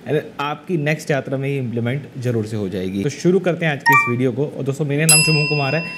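A young man, a vlogger, talking to camera in a chatty, animated way, recorded on a lapel mic indoors. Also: mid-range voice, fast talker, over loud music. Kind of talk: casual explainer vlog.

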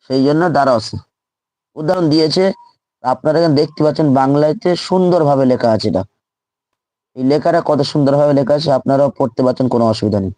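A man's voice: on the high side, fast, dark tone, no echo. A man teaching Quran reading in a live online lesson, drilling letters and syllables aloud and repeating each one patiently.

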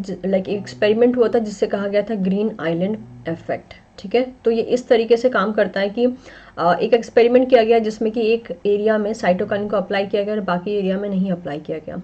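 A young woman with an Indian accent teaches botany for an exam-prep course. She explains in a steady, mid-pitched voice and keeps pausing on little connecting phrases. The recording is slightly dull and lo-fi. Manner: explains in mixed Hindi and English, frequent "that is" and "ठीक है". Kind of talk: online exam-prep lecture.

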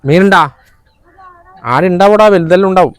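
A man's voice: sits high, moderate pace, no echo. A man with a northern Kerala accent chatting casually and colloquially on a vlog, explaining local spots. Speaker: vlog companion, father. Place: outdoors beside fields and water.

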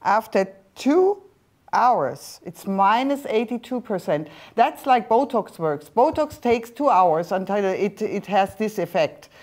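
German lady doctor on a shopping channel, lapel mic in a studio, bit halting english. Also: medium pitch, big pitch swings, darkish tone. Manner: explanatory, slightly halting non-native phrasing. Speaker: skincare doctor presenting a product. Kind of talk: TV shopping product demonstration. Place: TV studio set.

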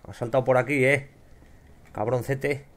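A young man with a Spain Spanish accent commenting on his gameplay, excitable and swearing often as he shouts at enemies. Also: mid-range voice, moderate pace. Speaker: gamer.

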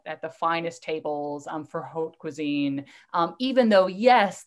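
Lower-voiced woman lecturing eagerly. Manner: enthusiastic, digressive, with fillers and restarts. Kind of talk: live lecture Q&A answer.

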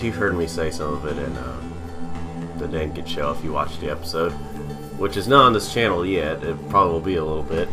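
A man hosting a casual let's play in a hesitant, rambling, self-deprecating way, sounding slightly distant from the microphone. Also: low voice. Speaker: host of a gaming video series. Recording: slightly far from mic, music behind. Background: video game music.

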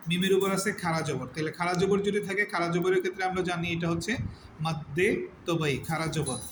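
A man teaching a religious lesson step by step, repeating each term and stretching out recited words slowly. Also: sits high. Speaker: Quran teacher. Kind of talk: religious lesson on word meanings and recitation rules. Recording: echoey room with steady background noise.

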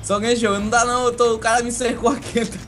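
A man's voice: very high-pitched, level tone, racing, fairly bright tone. A man chatting while gaming, repeating himself when under pressure. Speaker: gamer. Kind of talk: excited gaming chat. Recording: game music behind.

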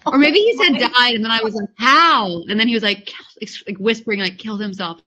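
Animated bright-voiced woman comedian. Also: fairly high pitch, fast talker. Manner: animated storyteller, acts out quotes. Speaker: comedian panelist. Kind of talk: casual anecdote telling. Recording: dull lo-fi audio.

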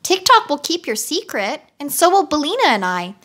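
A kind little girl from a storybook, voiced by a woman reader, earnest and reassuring. She speaks in a high, bright voice. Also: very animated, normal speed, full character voice.

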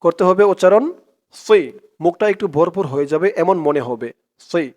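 Male Quran tutor with a Bangladeshi Bengali accent and a high voice, recites and then explains step by step. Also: animated, darkish tone. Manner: recites verse words aloud, then explains the rules slowly and repeats them. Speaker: Quran reading teacher.

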